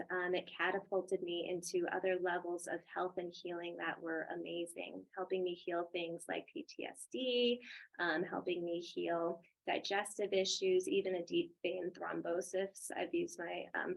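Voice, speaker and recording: A woman's voice: fairly low pitch, little pitch movement, moderate pace, vocal fry, poor audio. A woman from Germany presenting informally and upbeat as a yoga teacher and webinar host. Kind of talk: casual presenting and personal storytelling.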